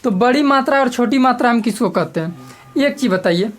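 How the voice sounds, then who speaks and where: A woman's voice: on the high side, expressive, brisk. A woman teacher giving a grammar lesson step by step, repeating key terms and asking the class questions.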